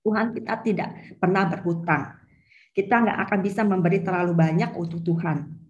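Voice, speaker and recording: A woman giving an earnest, emotional sermon testimony as a pastor's wife, often pausing on fillers. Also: on the low side. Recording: dull lo-fi sermon recording.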